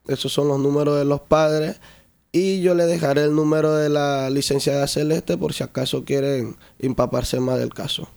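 A man's voice: a little high, steady tone, normal speed, creaky, a little mellow, clean tone. A young man from Panama with a Panamanian Spanish accent, a father being interviewed, speaking earnestly and with hesitant restarts. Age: young adult. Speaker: father seeking help.

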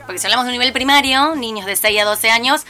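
A physical education teacher in her thirties, with a Rioplatense Argentine accent, talks in a casual chat, chatty and full of restarts and fillers. Her slightly high voice is very fast, pushed and bright, with soft music in the background.

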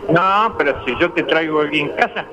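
A man's voice: on the high side, a little fast, muffled recording, a crowd in the background. An Argentine man calling in to a radio show, chatty and repeating himself. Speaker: caller. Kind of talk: phone-in chat.

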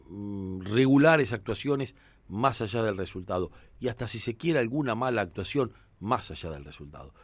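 Hosting a sports radio show from the studio, a man with an Argentine Rioplatense Spanish accent offers talk and commentary in a conversational style, filling pauses with "eh" and "este." His low-leaning voice comes across dry and close on a studio microphone.

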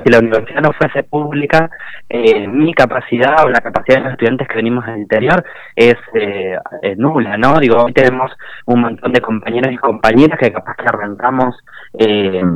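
Un joven argentino de Entre Ríos, estudiante universitario, que habla en serio en una entrevista de radio, dudando a menudo y cerrando frases con "¿no?". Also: male voice, medium pitch, no room sound, low-quality recording. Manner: earnest, many hesitations and repeated tag questions. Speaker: university student and union representative. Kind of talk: radio interview guest.

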